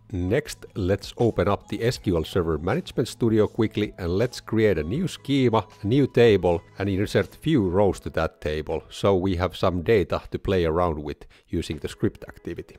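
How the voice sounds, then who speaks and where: A man giving a screen-recorded software tutorial, explaining each step in a steady, methodical way. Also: low-pitched. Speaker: tutorial creator.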